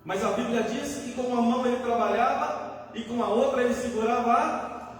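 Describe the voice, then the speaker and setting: A man's voice: extremely high pitch, brisk. A Brazilian man preaching a fervent sermon to a church, asking the crowd questions and answering them himself. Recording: echoey hall from a far-off mic.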